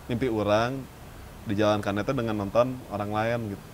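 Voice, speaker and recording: A man's voice: lowish voice, brisk, a little hiss or hum. A man, co-hosting a casual podcast chat and telling stories with joking asides. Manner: animated storyteller, joking asides.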